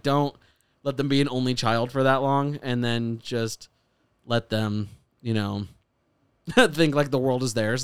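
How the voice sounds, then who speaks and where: Young guy podcast host, smooth clear voice, super dry sound, chatty storyteller, swears a bunch. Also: medium pitch, dry recording. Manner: animated storyteller, profane, talkative, acts out quotes. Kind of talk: casual podcast chat.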